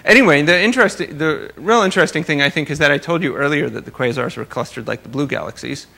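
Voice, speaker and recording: A man presents his astronomy research in an informal lecture, talking fast in a fairly high, gravelly, bright voice with a forceful tone. He explains the technical material with careful qualifications and dry, wry humor.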